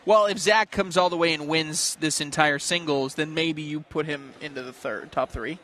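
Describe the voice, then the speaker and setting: A man's voice: fairly high pitch, moderate pace, a bit bright, slight background noise. A man commenting on a cornhole tournament from a booth, analytical and bantering with his co-host. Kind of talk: casual sports commentary.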